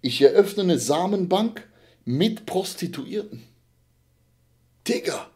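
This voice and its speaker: Guy in his 30s reacting on stream, blunt slang, voice on the high side, takes his time. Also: animated, slow, darkish tone. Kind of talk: casual live reaction commentary. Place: indoor streaming room.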